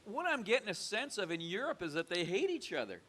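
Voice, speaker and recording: A man's voice: high-pitched, big pitch swings, fairly quick, crowd noise. A man hosting a casual call-in show, teasing his callers with dry, bemused remarks. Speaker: host.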